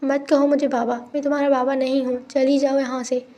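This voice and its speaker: A cold middle-aged father turning his daughter away, voiced by a woman reading a novel. The voice sounds high and mellow, with very little rise and fall. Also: little pitch movement, brisk, muffled recording. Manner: curt, dismissive.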